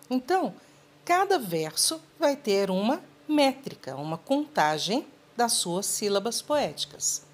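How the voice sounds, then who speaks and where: A woman literature teacher explaining a lesson patiently and speaking to students directly. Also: on the high side. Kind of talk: recorded lesson.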